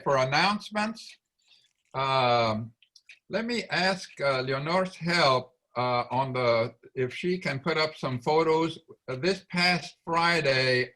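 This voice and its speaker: Man, very slow, bright tense tone, halting meeting host on a video call. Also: mid-range voice. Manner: many fillers and restarts, slow deliberate delivery. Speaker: club meeting leader. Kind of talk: hesitant meeting chairing over video call.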